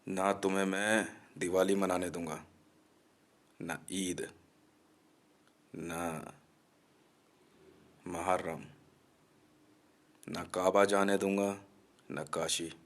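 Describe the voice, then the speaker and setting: Deep-voiced man in an angry, abusive rant. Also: level tone, extremely slow, long pauses. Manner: aggressive, abusive, menacing; mocking. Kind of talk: threatening rant to camera.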